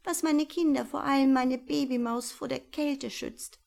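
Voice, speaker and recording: A small, anxious father mouse from a storybook, as a woman reading aloud puts him on. He speaks a bit higher than the narration, slow and fretful, always near tears. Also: fairly even intonation, gravelly, a little mellow. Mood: worried.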